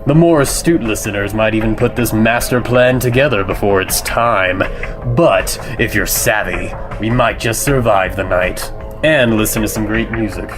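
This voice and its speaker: Underground radio host acted by a man: lowish pitch, theatrical announcer showmanship, flippant and darkly comic. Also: normal speed, music in the background, natural voice. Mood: flippant, grandiose. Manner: grandiose, sardonic showmanship. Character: flippant, manic male underground radio host, gleefully morbid. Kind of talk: theatrical radio hosting and mock ad narration.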